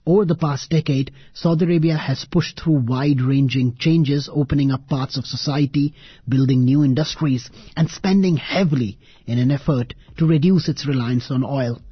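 A man with a husky voice presenting a scripted radio documentary. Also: medium pitch, normal speed, dry recording, dull audio.

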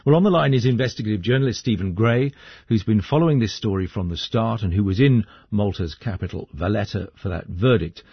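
A male radio host with a low, very husky voice leads a current affairs programme in a measured, conversational way. The sound is dry and a little dull. He hesitates now and then. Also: no room sound.

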